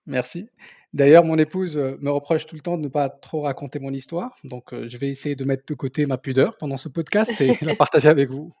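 A Moroccan podcast guest in his thirties, a company founder from southern Morocco whose mother tongue is Berber, tells his life story in a casual interview. His fairly high, mellow voice has vocal fry, fairly even intonation and a slightly fast pace, recorded close and dry with no room sound. He speaks hesitantly, repeating words while searching for phrasing.

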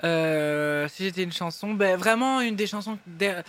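Bright, high-voiced man. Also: a little slow. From Belgium. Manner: enthusiastic, rambling with frequent restarts. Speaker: guest singer. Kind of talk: casual interview chat. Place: restaurant.

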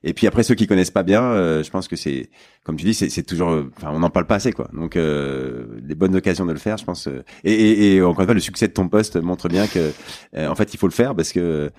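A man's voice: sits low, a little fast, darkish tone, no room sound, clean studio sound. A man hosting a podcast interview, talking casually with many fillers and restarts. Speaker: podcast host.

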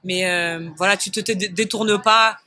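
A man's voice: sits high, fairly even intonation, normal speed, bright, forceful tone, no echo. A man, an athlete guest, talking thoughtfully in a casual interview and searching for his words.

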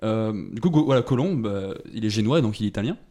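A man's voice: on the low side, expressive, fast talker, mellow. A young man co-hosting a casual podcast, explaining a topic with many hesitations and restarts. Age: young adult. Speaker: podcast co-host presenting a segment. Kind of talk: casual chat.

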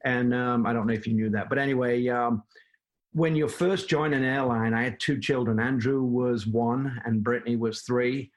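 At normal speed, a former plumbing business owner tells his long story as a guest in a relaxed interview, full of fillers and false starts. He's an older Englishman whose Manchester accent colors a mid-range voice with fairly even intonation.

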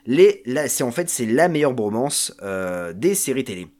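A man's voice: medium pitch, big pitch swings, normal speed, darkish tone. Hesitant man chatting on a podcast. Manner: hesitant, many filler sounds and restarts. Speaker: podcast panelist. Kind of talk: casual podcast chat presenting a series.

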